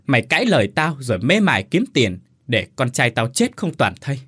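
A man's voice: mid-range voice, big pitch swings, fairly quick, fairly bright tone, slightly rough. A man voicing a brutal husband who roars curses at his wife in a storybook tale. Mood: raging. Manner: roaring, cursing. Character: brutal violent husband, roaring.

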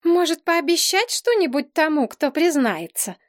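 A woman voicing a bossy little princess, high and shrill. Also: sing-song, a little slow, dry recording, clean studio sound. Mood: exasperated. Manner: commanding and indignant. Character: bossy young princess girl, quick-tempered.

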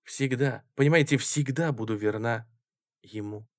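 A man reading an audiobook, voicing a passionate, devout and defiant young woman in a quiet, intense way. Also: mid-range voice, measured pace, no room sound, clean studio sound, natural voice. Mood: impassioned.

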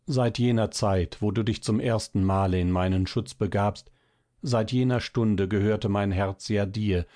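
A man playing a hushed, ardent young suitor. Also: no room sound, studio quality, natural voice. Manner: low, hushed, earnest.

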